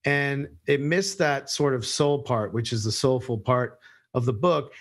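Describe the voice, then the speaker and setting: A middle-aged man, a business executive appearing as an interview guest, explaining at length in a measured way with frequent fillers and restarts. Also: medium pitch. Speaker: guest, agency chief executive. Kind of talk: interview answers.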